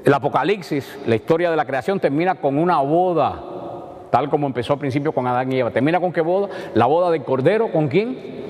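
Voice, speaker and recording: A man preaching a sermon in an animated way, acting out the dialogue with rising and falling tones. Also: a little high, fairly quick, long reverb tail.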